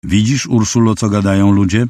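A man voicing a young hot-headed husband who speaks calmly and firmly, with a low, husky voice. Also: fairly quick, no room sound, clean studio sound, lightly acted. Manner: calm, firm, matter-of-fact.

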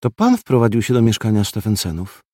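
A man's voice: on the low side, big pitch swings, a little fast, mellow, dry recording, studio quality. A man voicing a defiant teenage boy in uniform who sounds resentful and shaky, in an audiobook. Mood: subdued.

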